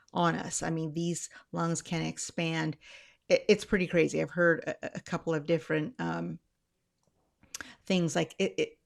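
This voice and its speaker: With a low, creaky voice, a middle-aged woman shares anxiety tips on her channel in a relaxed, chatty manner, wandering a bit and correcting herself mid-thought.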